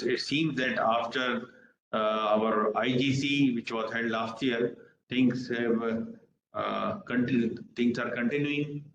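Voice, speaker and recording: A man, head of the department, giving a formal welcome with many pauses and fillers. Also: medium pitch, slight background noise. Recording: dull echoey online call.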